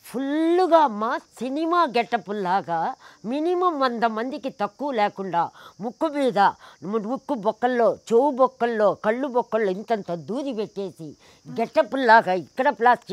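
A slightly high female voice, recorded without echo, tells an emphatic personal story during an interview. She plays out the characters in it and lets fly with indignant rhetorical questions.

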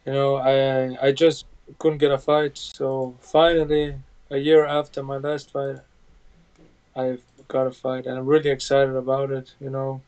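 A man's voice: mid-range voice, completely flat delivery, darkish tone, clean tone. A man in his thirties from Bosnia, a native Bosnian speaker, answering interview questions in English over a video call from a room at home, with many fillers and restarts. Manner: plain halting speech with many fillers. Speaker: UFC fighter guest. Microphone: video call webcam. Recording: dull lo-fi video call audio.

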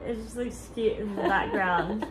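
A woman's voice: mid-range voice, moderate pace, roomy sound, crowd noise. A woman chatting casually and encouragingly between sets while doing push ups with a partner, heard through a camera mic in a room. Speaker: workout partner in a push-up challenge. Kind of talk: casual, encouraging chat during exercise. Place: living room at night, on exercise mat. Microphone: camera on floor, a few feet away.

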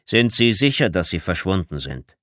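A man voicing a gruff camp commander who speaks curtly but calmly. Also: sits low, moderate pace, no room sound, clean studio sound. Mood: stern. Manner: curt but calm.

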